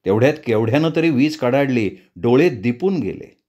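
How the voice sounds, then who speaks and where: A man narrating a spooky story in a dramatic, deliberate storytelling manner. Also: mid-range voice, expressive, a little mellow.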